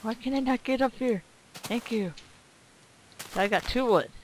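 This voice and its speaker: Woman gamer, high and bouncy pitch, playful chatter; noisy voice-chat audio. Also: moderate pace. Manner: playful, coos at in-game animals. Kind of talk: casual chat while playing. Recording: noisy home voice-chat recording.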